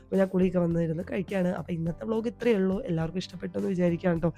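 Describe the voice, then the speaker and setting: A fast-talking woman with a Malayali accent narrates her home vlog in a chatty, homely way. Her voice is hoarse from a cold and sits low and mellow. Faint music plays behind the voice-over. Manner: chatty, homely, tags sentences with a soft "ട്ടോ". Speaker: vlogger. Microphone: voice-over recorded at home.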